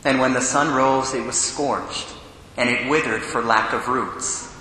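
A man, a priest, reads the gospel and preaches a sermon in a large church, in a measured, solemn way, and his voice rings with cathedral echo. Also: mid-range voice, steady tone, pushed and bright. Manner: measured, solemn reading that turns earnest and quick in the homily. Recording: cathedral echo with long reverb, faint hum.

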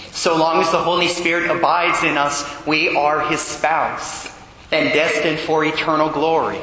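A priest reading the Gospel and preaching a homily in a measured way, with rhetorical questions, his voice in a cathedral echo inside a large church. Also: bright, forceful tone, slight background noise. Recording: booming long reverb in a large church.

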